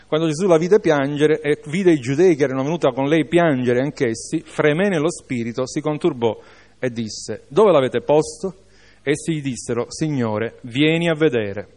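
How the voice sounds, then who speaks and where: Man, preacher, sermon, scripture reading with asides, slightly high voice. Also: normal speed, darkish tone. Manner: reads scripture then exhorts with asides.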